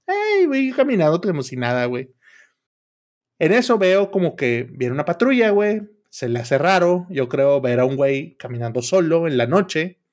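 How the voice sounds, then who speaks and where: A man with a Mexican Spanish accent co-hosts a podcast, casually telling a story full of swearing, slang and filler words. His voice is a little high and darkish in tone, with a sing-song lilt at a moderate pace.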